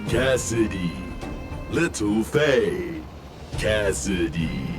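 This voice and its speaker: A man voicing a simple-minded, homesick robot with a slow monotone robot voice in a video game. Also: lowish voice, over loud music, heavily acted. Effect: robot voice, beeping and halting.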